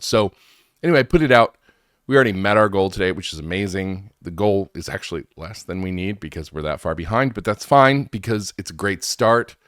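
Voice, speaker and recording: Male host, low voice, a little wheezy with allergies, chatty commentary, dry close sound. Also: fairly bright tone, no echo. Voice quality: slightly wheezy. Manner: informal, conversational. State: congested from allergies. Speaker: talk show host. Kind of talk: casual political commentary.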